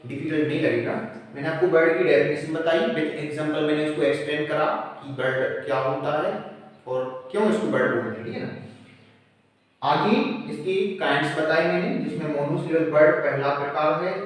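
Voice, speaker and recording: A man's voice: a little high, distant mic. Man teaching grammar in an echoey room. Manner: reassuring, repeats key terms slowly. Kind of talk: casual Hindi grammar lesson.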